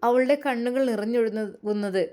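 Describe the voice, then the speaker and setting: Expressive Malappuram Malayalam woman storyteller. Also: fairly high pitch, moderate pace. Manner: expressive, dramatic narration. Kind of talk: dramatic story narration.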